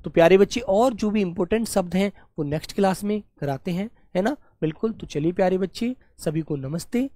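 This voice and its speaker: A man teaching an online Hindi class, listing word pairs in a steady drill and calling his students "beta". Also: sits high, fairly quick, hardly any pauses, no echo, studio quality. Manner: affectionate, calls students "beta"; clears throat now and then. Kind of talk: online exam-prep class.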